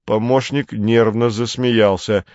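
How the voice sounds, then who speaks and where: A man reading a story aloud in an even, measured way. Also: on the low side, no room sound, highs cut off. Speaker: narrator. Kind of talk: audiobook narration.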